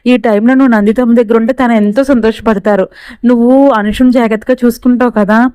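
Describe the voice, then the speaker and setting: A woman voicing a gentle, caring young heroine who speaks sincerely. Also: fairly high pitch, steady tone, a little fast, clear, resonant tone, no room sound, natural voice.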